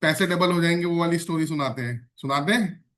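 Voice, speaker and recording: A man's voice: a little high, a little fast. A man leading an online sales training session, repeating phrases and checking in with his trainees. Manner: energetic, repeats phrases and asks the audience questions.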